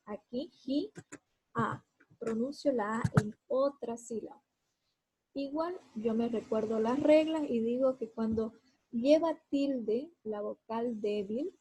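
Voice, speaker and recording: A woman's voice: on the high side, warm tone, a little hiss or hum, poor audio. A woman teacher giving a lesson, explaining each step and talking straight to her students. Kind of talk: classroom lesson.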